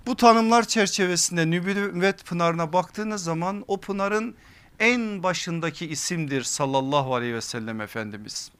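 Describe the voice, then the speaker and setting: A man giving a sermon-like religious lesson at a pulpit microphone, phrasing deliberately and leaning on emphatic, rhetorical repetition. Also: sits high, fairly bright tone, clean tone.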